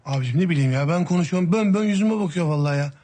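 A quick, wary younger brother. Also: male voice, a little high, animated, warm tone. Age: young adult. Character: young brother Sadık, sulky and wary, man.

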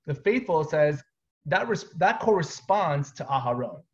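A man's voice: fairly high pitch, sing-song, measured pace. A man in his thirties teaching a live online Torah class, explaining step by step with casual asides. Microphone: webcam on a video call. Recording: dull lo-fi video call audio.

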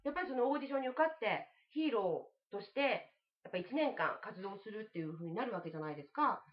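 A woman's voice: mid-range voice, lively intonation, fast talker. A woman hosting a live-streamed talk show, chatty and exclamatory as she interviews her guests. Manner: chatty, exclamatory, laughing often. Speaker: host. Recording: dull lo-fi live stream audio.

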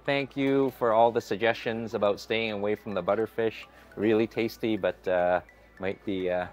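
A man in his forties giving an upbeat, chatty food vlog while walking through a hotel buffet restaurant. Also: medium pitch. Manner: upbeat, chatty, often greets staff warmly. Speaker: food vlogger. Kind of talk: casual vlog narration.

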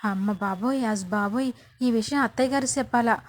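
A gleeful, spiteful young daughter-in-law from a TV serial, as a woman narrator puts her on. She sounds excited and shrill, with her voice riding high. Hardly different from the narrator's own voice. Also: fairly quick, close to an everyday voice.

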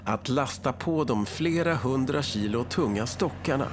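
A man's voice: medium pitch, lively intonation, noisy background. A man with a Swedish accent reading scripted reality TV narration. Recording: music under the voice-over.

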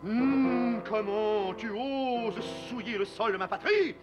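A man's voice: extremely high pitch, slow, highs cut off, music in the background. A man voicing Loup-Garou, a hammy male werewolf actor who stumbles over forgotten lines, in 1960s children's TV puppet acting. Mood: defiant.

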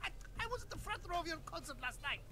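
An actor playing a fawning male nightclub owner in a video game who flatters his guest like an eager fan. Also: very high voice, quick pace. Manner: flattering, excitable. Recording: game audio over loud music.

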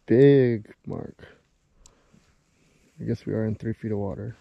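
A man's voice: on the low side, a little slow, gravelly, dull audio, very noisy. A man chatting casually for an outdoor fishing vlog on a frozen lake, with slangy buddy-like banter. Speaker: fishing vlogger.

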